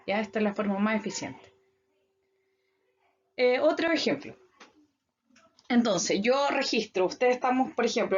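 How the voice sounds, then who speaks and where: A woman's voice: a little high, highs cut off. A middle-aged woman with a Chilean accent giving a recorded online lecture from her home, explaining terms with many examples. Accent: Chilean Spanish. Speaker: university lecturer.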